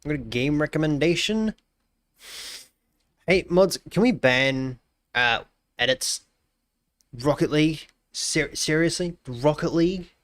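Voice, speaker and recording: With a fairly high pitch, he speaks unhurriedly and pauses often, a man in his twenties with a blocked nose joking casually on a live stream. He greets chat warmly and tends to trail off into mumbles, recorded with no echo.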